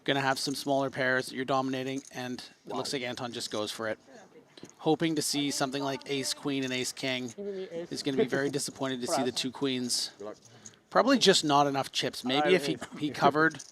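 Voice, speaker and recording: A man doing live poker commentary from a booth, chatty and quick to burst into disbelieving exclamations. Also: mid-range voice, fairly even intonation, a bit bright.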